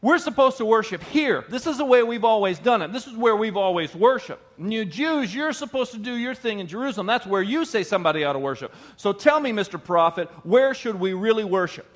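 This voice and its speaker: Guy doing a sassy samaritan woman, higher and louder, pushing back hard. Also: expressive, a little fast, few pauses. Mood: challenging. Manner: sassy, challenging, emphatic. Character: exasperated Samaritan woman at a well. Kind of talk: sermon storytelling.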